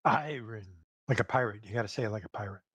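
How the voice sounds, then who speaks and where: Husky-voiced man at the game table. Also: fairly low pitch, steady tone, rapid-fire, fairly bright tone. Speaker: player. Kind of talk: casual chat at the game table.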